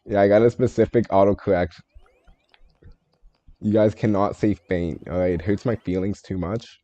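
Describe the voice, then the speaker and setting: Male streamer, low mellow voice, casual running commentary, dry and slightly muffled stream audio. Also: steady tone, normal speed, dry recording. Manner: thinks aloud, answers chat, joking and self-deprecating. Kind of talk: live gameplay stream commentary.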